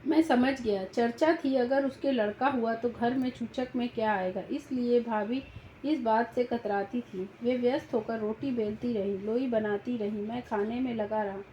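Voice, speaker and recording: A woman teacher reading a novel aloud as audiobook narration, in a steady storytelling manner. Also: a little high, moderate pace, slight background noise. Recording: roomy, slightly dull home recording.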